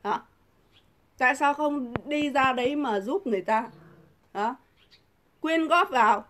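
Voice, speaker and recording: Middle-aged woman vlogger, fairly high voice, combative and scornful, hurls rhetorical questions. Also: a little slow, a bit bright, a little hiss or hum. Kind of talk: angry political rant to camera.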